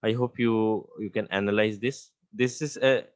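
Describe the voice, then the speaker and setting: Low-voiced man teaching Arabic grammar. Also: fairly even intonation, normal speed, smooth. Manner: explains step by step with frequent fillers and restarts, recites Arabic phrases. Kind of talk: classroom grammar lesson.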